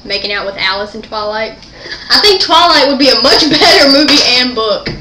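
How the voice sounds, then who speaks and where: A woman's voice: high voice, animated, a little fast. A teenage girl vlogging with a friend, teasing and giggly in casual chat. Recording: echoey room with loud hiss.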